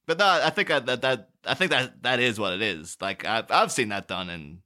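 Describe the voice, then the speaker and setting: A man's voice: medium pitch, moderate pace. A man hosting a casual film-discussion podcast, rambling and laughing as he talks. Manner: animated, rambling, laughs while talking. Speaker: podcast host.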